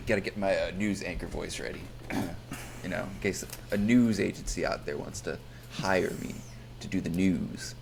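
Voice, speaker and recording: A low, gravelly American man in loose podcast banter, swearing freely and joking loudly. A faint hiss sits under his voice. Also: a little slow. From United States. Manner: profane, joking, loud. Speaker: podcast co-host. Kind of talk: casual chat.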